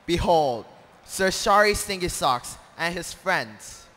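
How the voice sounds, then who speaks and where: A brave young knight speaks with bold, earnest cheer, as a woman drops her voice low to play him. His lines carry the ring of a long echo. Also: animated, takes it slowly, a bit bright. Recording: echoey hall.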